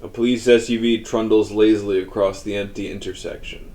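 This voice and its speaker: A man narrating a scripted horror story in a measured way, often dropping to a hushed tone. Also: fairly low pitch, little pitch movement, rough recording.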